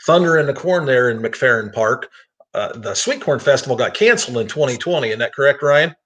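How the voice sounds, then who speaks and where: A man's voice: mid-range voice, expressive, a little fast, fairly bright tone. An American man, a tractor pull announcer, hosting a casual talk show in conversation. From East Central Illinois, United States.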